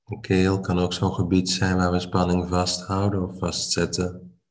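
A man leading a guided body-scan meditation as a teacher, calm and unhurried, speaking in short phrases with pauses between them. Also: sits low.

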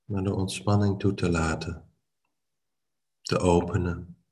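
A man leading a guided body-scan meditation as a teacher, calm and unhurried, speaking in short phrases with pauses between them. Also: deep voice.

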